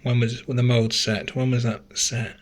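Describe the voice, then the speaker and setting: A man talks through a gadget teardown in a relaxed, chatty way. He thinks out loud and corrects himself mid-sentence. His voice is caught by a camera microphone at a desk indoors. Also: mid-range voice, normal speed. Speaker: gadget reviewer. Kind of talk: casual teardown tutorial.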